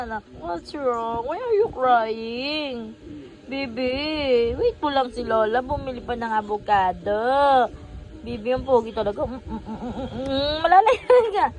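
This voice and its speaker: A woman's voice: sits high, low-quality recording. A young woman, a mother cooing and playing in baby talk while vlogging her baby's first meal. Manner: cooing, playful, laughing baby talk mixing Tagalog and English. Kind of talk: home vlog baby talk.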